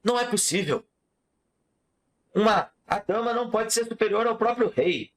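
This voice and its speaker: An impatient, proud king, as a male teacher puts him on, talking in a raised, strained voice that is noticeably higher than the storyteller's own. He talks loudly, exclaims, and makes demands as a storybook monarch. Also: lively intonation, normal speed. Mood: impatient, indignant.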